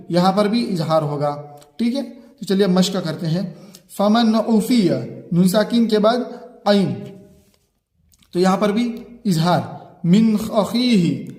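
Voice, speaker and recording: A man with a high voice teaches a recitation lesson. He lays out each rule patiently, draws the example words out slowly and checks that the learner follows. The sound is roomy, with a long reverb tail. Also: a little mellow. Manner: asks "ठीक है?" to check the learner. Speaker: Quran reading teacher. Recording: echoey room with long reverb.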